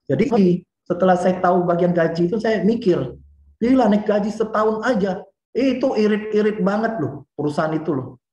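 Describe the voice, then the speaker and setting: A man in his forties from Indonesia giving a lively, chatty motivational talk and speaking straight to his listeners. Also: sits high, normal speed, reverberant, dull audio. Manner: lively and chatty, often addresses the listeners directly.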